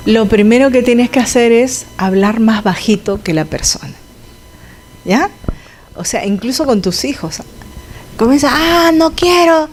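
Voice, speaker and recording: A woman's voice: fairly high pitch, a little slow, darkish tone. A woman giving a conversational lecture to health students, asking the class questions and adding sound effects.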